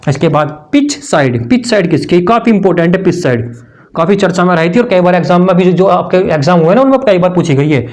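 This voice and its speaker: Sharing exam memory tricks, a high-voiced male tutor quizzes and then answers himself, repeating key terms in a friendly, chatty way. His delivery is expressive and a little fast, with a darkish tone.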